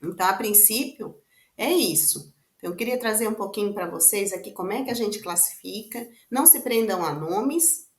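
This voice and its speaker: A woman's voice: mid-range voice, lively intonation, moderate pace, reverberant. A woman with a Brazilian Portuguese accent explains children's writing stages to parents in a conversational way, often adding tag questions. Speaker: literacy teacher. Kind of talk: explaining to parents with on-screen examples.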